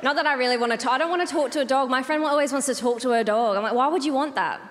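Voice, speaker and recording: A woman's voice: sits high, very fast, background noise. A woman doing live stand-up comedy in a reverberant venue, telling stories in a casual, sweary, conversational way and acting out bits of dialogue. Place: comedy venue in front of an audience.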